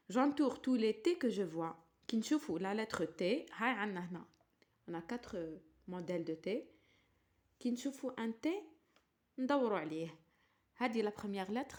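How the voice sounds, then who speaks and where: A woman with an Algerian accent teaches a slow primary-school French lesson, clearly spelling out letters and words and translating them into Arabic. Her voice is medium-pitched, expressive and darkish.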